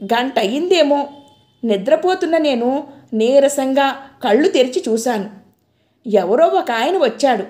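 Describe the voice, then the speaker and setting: A woman's voice: sits high, lively intonation, a little slow, pauses often, warm tone. A woman with a Telugu accent narrating a novel in the first person, reading with strong emotion. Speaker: audiobook narrator.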